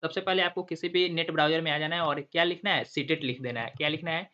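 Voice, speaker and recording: A man with a fairly high, steady, sharp voice talks fast while hosting his channel's online class. He walks through a screen-recorded tutorial step by step, posing questions to himself and repeating the answers like a teacher. The recording sounds dull and lo-fi.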